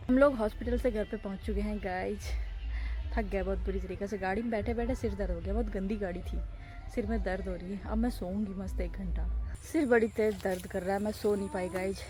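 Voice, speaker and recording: A woman's voice: medium pitch, steady tone, brisk, dark tone, faint music behind. A young woman vlogging in a casual chat, talking directly to her viewers. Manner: chatty, addresses viewers directly.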